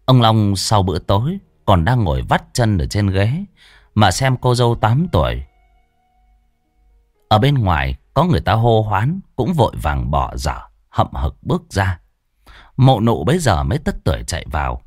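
A man narrates a horror tale with lively, expressive intonation. His voice is fairly low and dry, with faint music underneath. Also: normal speed, no echo. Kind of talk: dramatic horror story narration.

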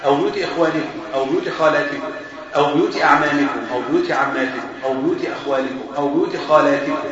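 Fast, animated Egyptian sheikh in an echoey hall. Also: male voice, a little high. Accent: Egyptian Arabic. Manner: animated, quizzing listeners, quick chuckles. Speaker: sheikh teaching Quran commentary. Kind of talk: mosque lesson explaining verses. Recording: very echoey, dull recording with crowd noise.

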